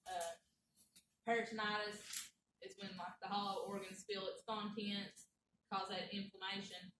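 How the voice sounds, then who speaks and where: A woman's voice: mid-range voice, level tone, moderate pace. A woman giving a folksy, chatty nursing lecture in a classroom. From Kentucky. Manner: folksy, chatty, stops for war stories. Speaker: nursing instructor. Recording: roomy classroom, mic far off, noisy.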